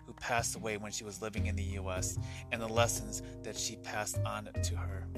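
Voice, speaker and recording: A man's voice: fairly low pitch, level tone, moderate pace, music in the background. A man hosting a podcast interview, asking questions in an earnest, respectful way. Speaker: podcast host.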